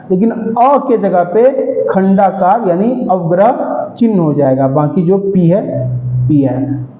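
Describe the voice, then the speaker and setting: A man teaching Sanskrit grammar, asking questions and answering them himself. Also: high-pitched. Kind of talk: classroom grammar lesson. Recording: echoey room, tinny phone-like sound.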